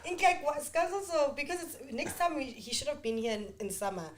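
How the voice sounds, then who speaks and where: A woman's voice: sits high, sing-song, fairly quick, slight background noise. Playful woman co-hosting a podcast. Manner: playful, hesitant, many restarts. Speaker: podcast co-host. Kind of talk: casual chat.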